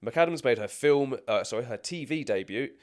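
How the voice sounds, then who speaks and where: A man's voice: mid-range voice, lively intonation, normal speed. Chatty man hosting a film podcast. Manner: chatty, stumbling restarts, frequent laughter. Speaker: podcast co-host. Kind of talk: casual film podcast chat and scripted career rundown.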